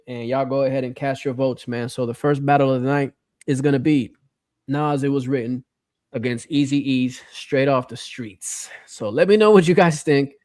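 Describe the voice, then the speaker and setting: A relaxed man hosting a livestream, talking loosely and circling back on his thoughts. His voice sits at an ordinary middle pitch and is recorded dry and close, with no room sound. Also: no echo. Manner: relaxed, rambling, says "bro" and "man" often. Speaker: livestream host. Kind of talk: casual livestream chat.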